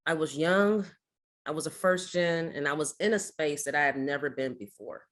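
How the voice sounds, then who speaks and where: Building toward pointed questions for her listeners, a woman from Ohio in her forties delivers a ceremonial keynote with measured rhetoric. Her voice sits low.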